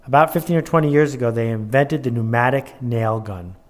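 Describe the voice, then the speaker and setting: A man's voice: medium pitch, brisk. A man presenting his own workbook in a motivational instructional talk, stressing his points through repetition and rhetorical questions.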